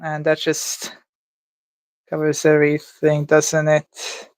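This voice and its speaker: A streamer from Latvia talks through a drawing live, thinking aloud. The voice sits in an ordinary middle pitch. The sound is dry and close, and the talk stays unsure and gently self-mocking. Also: monotone, slow pace, clean tone, no echo. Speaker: livestreamer. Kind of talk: casual commentary while drawing live.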